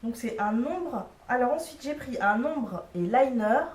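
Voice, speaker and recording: A woman's voice: fairly high pitch, animated, unhurried, darkish tone, recorded from a distance. A young woman casually reviewing makeup products, chatty and frank, with lots of fillers. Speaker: beauty vlogger. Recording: echoey room, a bit off-mic.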